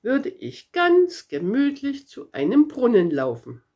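A gentle, curious little prince, as a woman reads him aloud from a storybook. He asks his earnest questions slowly, his voice lifting and falling with lively swings. It is a warm, unhurried bedtime telling. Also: fairly high pitch, muffled recording, heavily acted.

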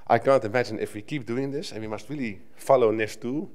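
A middle-aged man from the Netherlands, a native Dutch speaker, talks conversationally at a conference from a lectern on a hall stage, using the lectern mic and restarting frequently. His voice is medium-pitched and darkish, and he speaks a little fast.

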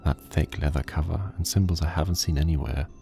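A grim, gravel-voiced private detective. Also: male voice, fast talker. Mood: brooding. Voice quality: very deep, gravelly. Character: weary middle-aged male private detective, grim. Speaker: game narrator. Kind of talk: scripted noir narration. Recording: game audio under loud music. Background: game music.

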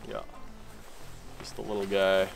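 Relaxed man chatting while fishing. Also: low voice, a little slow, creaky, soft background music. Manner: relaxed, chatty, lots of fillers and restarts. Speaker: fishing guide and angler. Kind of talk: casual fishing commentary. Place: small boat on a lake, outdoors.

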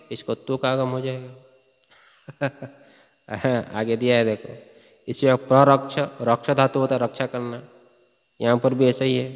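A male teacher explains Sanskrit grammar to a class in Hindi, stopping often to ask his students whether they follow. He recites sutras, then explains them plainly. His voice carries a long reverb, as in a large hall. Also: mid-range voice. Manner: asks students frequent check questions. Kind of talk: classroom lecture.

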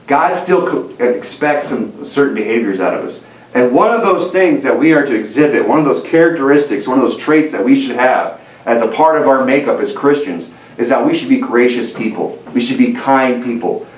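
A man in his thirties preaching a sermon at a lectern, earnest and conversational, with many restarts and "you know"s. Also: medium pitch. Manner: stands at a lectern gesturing with both hands. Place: church sanctuary, indoors, medium room. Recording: roomy church audio from a distance.

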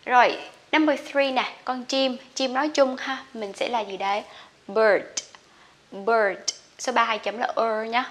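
Slow, bright-voiced woman teaching vocabulary. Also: fairly high pitch, steady tone. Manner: patient, repeats each word slowly, chatty asides to learners. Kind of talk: vocabulary lesson with repetition drills.

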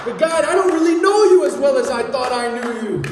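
A man in his thirties delivers a fervent sermon with a notably high voice, rising to shouts at its climaxes. He speaks into a handheld mic in a large church hall. The sound is distant and heavily echoing, with a long reverb trailing his words. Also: lively intonation, a little fast, noisy background. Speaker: preacher. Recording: echoey hall, from far off.

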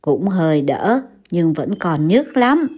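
A woman voicing a weak injured husband who speaks in a faint, low, whispery voice. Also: big pitch swings, takes it slowly, a little mellow, slightly rough, muffled recording, heavily acted.

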